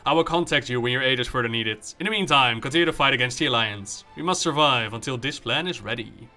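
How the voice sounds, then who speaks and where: Bright-voiced male game streamer. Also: mid-range voice, fast talker, soft background music. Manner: joking, acts out dialogue. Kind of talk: live game commentary, recapping story and reading quest text aloud.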